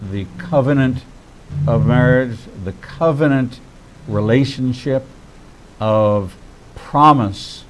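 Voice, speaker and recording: A man in his sixties hosting a faith-based interview, speaking in measured, preacherly phrases. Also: mid-range voice, a little hiss or hum, low-quality recording. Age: 60s.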